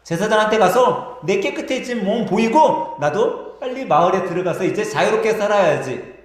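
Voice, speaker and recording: Eager healed leper man, done by a pastor: high, loud, hurried, in a very echoey church hall. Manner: excited, raised, hurried.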